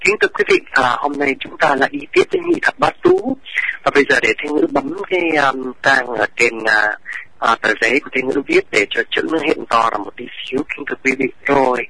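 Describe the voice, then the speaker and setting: A man's voice: medium pitch, sing-song, fairly quick, gravelly, bright, forceful tone, slightly rough, no echo, rough recording. Hesitant, explanatory male radio presenter. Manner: explanatory, formally addresses listeners, frequent hesitations. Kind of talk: educational radio talk.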